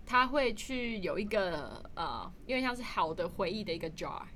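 A woman's voice: mid-range voice, sing-song, moderate pace, bright, forceful tone, slight background noise. A woman with a Taiwanese Mandarin accent, chatting casually as a podcast host and slipping English phrases into her Mandarin. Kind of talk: casual chat.

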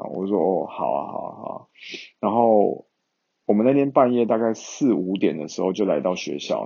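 A man's voice: sits low, creaky, mellow, breathy edge, highs cut off. A young man, chatting casually to viewers in a rambling way with many fillers. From Taiwan.

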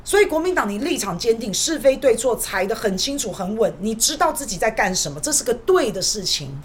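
A woman's voice: on the high side, sing-song, brisk, slight background noise. A woman hosts a political commentary podcast, delivering an emphatic monologue full of rhetorical questions.

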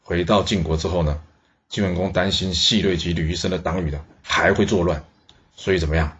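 A man telling a historical tale in a lively way, exclaiming and speaking asides to the listeners. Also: low voice, fairly quick. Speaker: storyteller. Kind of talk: historical storytelling. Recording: dull lo-fi recording.

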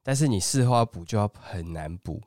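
Low-pitched man with a Taiwanese accent. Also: animated, a little fast, darkish tone, no room sound, clean studio sound. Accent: Taiwanese Mandarin. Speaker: talk show host. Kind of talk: casual chat.

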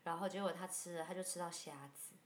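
A woman's voice: lowish voice, fast talker. A woman in her thirties from Taiwan, co-hosting a podcast in casual chat and acting out the lines of the people in her story. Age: 30s. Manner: animated storytelling, acts out quoted lines. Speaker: podcast co-host. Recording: roomy echo with faint background hum.

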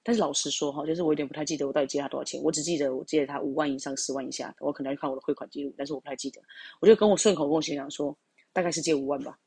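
A woman recounts a personal story at a quick clip, rambling with plenty of fillers and asides to her audience. Her voice is gravelly and a bit husky. The sound is close and dry. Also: sits low, steady tone, warm tone, no echo.

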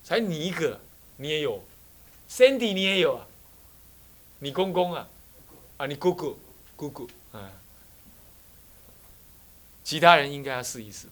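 A man's voice: fairly high pitch, sing-song, a little slow, pauses often, fairly bright tone. A man with a Taiwanese Mandarin accent, a Buddhist abbot giving a sermon lecture to a class, telling stories and asking rhetorical questions. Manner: storytelling, asks many rhetorical questions. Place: teaching room with students.

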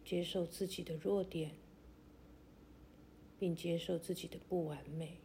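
A woman narrating a guided meditation like a sleep story, in a gentle, soothing, deliberate way with long pauses. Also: fairly low pitch, fairly even intonation, gravelly, a little hiss or hum.

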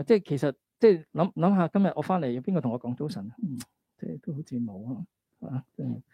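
A male pastor gives a conversational sermon in a Hong Kong Cantonese accent. His voice sits fairly high for a man and has a very soft, mellow tone. He exhorts his listeners, often posing questions and checking that they follow. The recording is close and dry. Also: no room sound. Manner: exhorting, asks rhetorical questions and check-in tags. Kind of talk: conversational sermon with scripture readings.

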